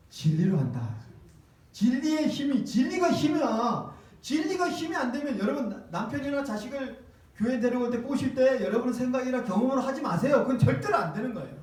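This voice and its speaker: A man's voice: very high-pitched, darkish tone. A male pastor preaching a sermon with emphasis, often putting questions to the congregation. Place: church sanctuary. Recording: echoey church hall, distant mic.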